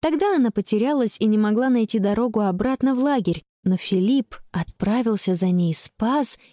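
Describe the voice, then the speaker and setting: A woman narrating a story in a scripted, expressive audiobook reading. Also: a little high, normal speed, no echo, studio quality.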